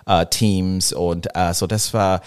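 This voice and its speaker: A low-pitched man chats casually in German with a clear American English accent. He is a non-native speaker who searches for words, drops in English terms and often tags his sentences with a short question. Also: steady tone, slow. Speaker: podcast guest, marketing business owner. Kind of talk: casual conversational interview.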